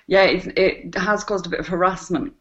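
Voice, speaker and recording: Lower-voiced woman, wry podcast co-host, dull lo-fi recording. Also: steady tone, moderate pace. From Scotland. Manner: dry, wry, laughs often. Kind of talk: casual podcast chat.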